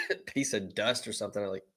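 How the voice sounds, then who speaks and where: A man's voice: on the low side, fast, a bit bright. A man co-hosting a live sports talk stream, giving opinions on recruiting in a casual, conversational way with frequent fillers. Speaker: co-host, recruiting reporter. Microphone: live stream remote setup.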